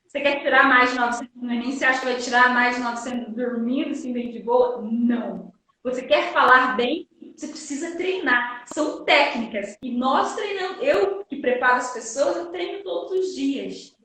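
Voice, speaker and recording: A Brazilian woman teacher giving a lively live-stream lesson, emphatic and energetic, acting out her students' questions. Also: high voice, moderate pace. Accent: Brazilian Portuguese. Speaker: guest teacher. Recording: echoey room, distant mic.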